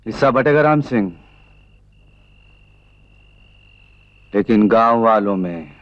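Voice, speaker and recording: An actor playing a stern, proud bandit chief who speaks in curt commands, in 1980s film acting. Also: male voice, lowish voice, animated, fairly quick, no room sound, dull audio, close to an everyday voice. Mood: firm.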